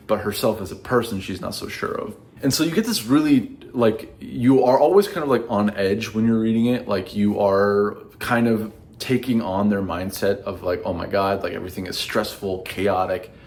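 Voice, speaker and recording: A man gushing about books in a casual vlog, effusive and emotional, with the odd swear word. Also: on the low side. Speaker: book reviewer. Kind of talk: casual book review vlog.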